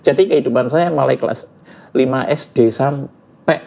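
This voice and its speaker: A man's voice: mid-range voice, normal speed, gravelly, mellow. A middle-aged man earnestly tells his personal testimony in an interview, slipping in words. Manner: earnest storytelling, sprinkled with Javanese words. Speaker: guest giving a testimony.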